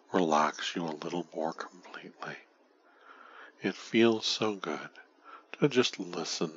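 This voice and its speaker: A man guiding a hypnosis induction in a slow, soothing, repetitive way that drifts into breathy, whispery phrases. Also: low voice, fairly bright tone, dull audio.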